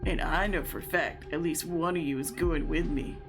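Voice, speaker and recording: A mocking young miner who gloats over the others' fear, as a woman reads him out. The voice is low and gravelly, and the lines are drawn out slowly over music from the game. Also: steady tone. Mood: gloating. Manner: mocking, gloating, leans in close. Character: menacing young man, taunting mine worker.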